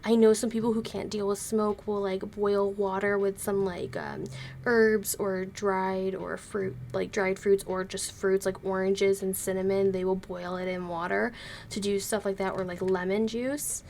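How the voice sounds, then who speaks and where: A woman reading tarot cards for her viewers in a casual, unhurried way, her voice a little hoarse from being sick, speaking slowly and gently to spare it. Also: medium pitch, little pitch movement, a little hiss or hum. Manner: slow, gentle, careful with her voice. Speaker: tarot reader.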